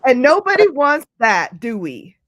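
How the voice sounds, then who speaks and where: A woman's voice: high-pitched, wildly swooping pitch, a little slow, a bit bright. A woman in her forties, a guest in a casual live-stream chat, snarky and sarcastic, laughing often. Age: 40s.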